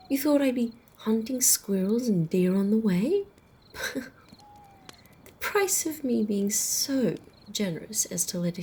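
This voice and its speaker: In a close, intimate ASMR roleplay, a woman with a slightly rough, mid-range voice plays a haughty, sardonic female vampire. She speaks softly and slowly, often drifting into a whisper, with a condescending, teasing drawl.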